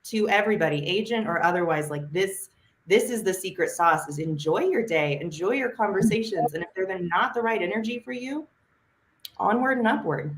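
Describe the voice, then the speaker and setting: A woman, chatting on a real estate podcast and acting out quoted exchanges with lively energy. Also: a little fast, a little hiss or hum. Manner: animated storyteller, acts out quotes in a high voice. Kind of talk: casual podcast chat.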